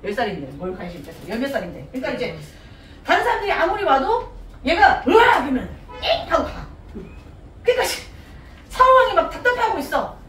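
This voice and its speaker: A woman's voice: high-pitched, very animated, quick pace, long pauses, a bit bright, a little hiss or hum. A woman Sunday school teacher giving a playful, chatty Bible lesson to children in a church hall, laughing often. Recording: echoey hall, voice from a distance.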